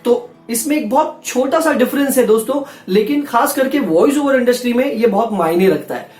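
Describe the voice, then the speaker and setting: A man's voice: very high-pitched, expressive, a little fast, a little mellow. Chatty man teaching in a roomy echo. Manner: chatty and playful, addressing viewers as friends. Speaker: voice-over artist teaching pronunciation. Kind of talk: casual spoken lesson. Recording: roomy echo with faint background music.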